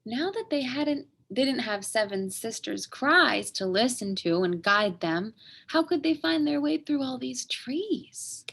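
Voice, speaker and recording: A woman with a high, gravelly voice reads a picture book aloud to children. She's an expressive, dramatic storyteller who uses emphatic pauses.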